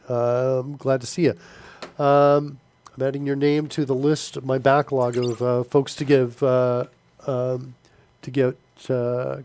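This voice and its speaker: Creaky, smooth and darkish in the mid-range, a stuffy-nosed man's voice carries a loose, filler-heavy live-stream chat while he codes and answers viewers. The recording is dry.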